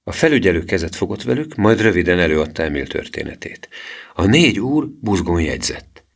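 A man narrating a children's storybook aloud in an expressive, lively way. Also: deep voice, vocal fry. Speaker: audiobook narrator. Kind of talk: storybook reading.

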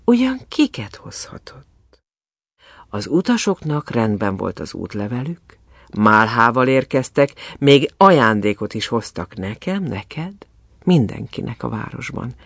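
A man reading a fairy tale aloud in an expressive, storytelling manner. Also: medium pitch, gravelly, no room sound, clean studio sound.

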